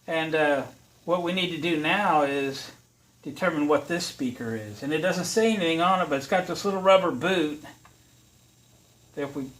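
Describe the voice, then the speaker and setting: Slightly high and fairly bright, this American man's voice moves at a normal speed as he presents a repair tutorial. He chats in a folksy, easygoing manner, musing aloud during the demonstration, on a rough recording with noticeable background noise.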